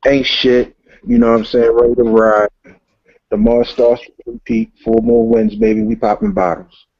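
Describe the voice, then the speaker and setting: A man's voice: medium pitch, flat delivery, moderate pace, no room sound, soft background music. A man co-hosting a casual sports podcast, boastful and full of slang. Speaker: co-host. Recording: dull lo-fi recording.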